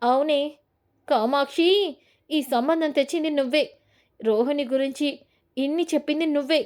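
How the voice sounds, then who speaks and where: A woman voicing a quick-tempered middle-aged mother-in-law who scolds and shouts at the younger women of the house in a storytelling retelling. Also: sits high, lightly acted. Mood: angry scolding.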